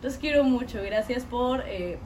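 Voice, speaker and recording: Young woman, podcast co-host, teasing and giggly, light higher voice. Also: animated, unhurried, darkish tone, slight background noise. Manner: laughs often, teasing banter. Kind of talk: casual chat.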